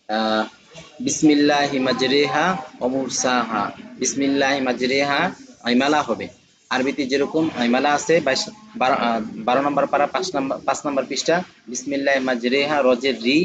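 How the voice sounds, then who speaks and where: A man teaching a lesson on conjunct letters, patiently repeating each example word slowly. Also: mid-range voice, highs cut off, a little hiss or hum. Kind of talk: classroom lesson on Bengali spelling.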